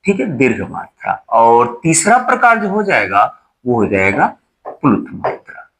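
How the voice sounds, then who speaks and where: A man's voice: mid-range voice, huge pitch swings, unhurried, a bit bright. A young man teaching a Hindi exam-prep lesson at a board, repeating key terms and checking with rhetorical questions.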